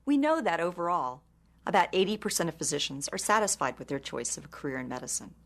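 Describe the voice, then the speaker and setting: A woman giving a scripted educational presentation in an informative, measured way. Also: lowish voice, expressive, fairly bright tone. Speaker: expert presenter.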